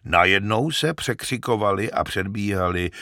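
Loud, eager old shepherd in a storybook, read by a man, lively voice, gravelly edge, dry sound. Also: on the low side, dry recording. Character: excitable old male shepherd, talkative. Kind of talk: audiobook character reading.

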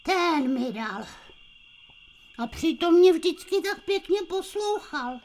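A man's voice: very high-pitched, expressive, a little mellow. A man voicing a cheeky little boy in a puppet radio play, who talks to himself and calls out to others. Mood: musing.

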